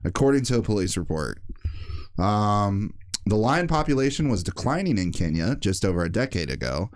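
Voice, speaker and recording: A man's voice: lowish voice, sing-song, normal speed. A man hosting a casual podcast, reading out weird news stories with jokey asides and frequent laughter. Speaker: podcast host.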